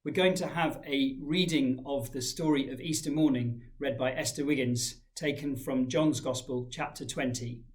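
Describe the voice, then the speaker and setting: In a small indoor room hung with framed pictures, a head teacher in his forties gives a formal school assembly address. He reads from a folder at a measured pace in a medium-pitched voice.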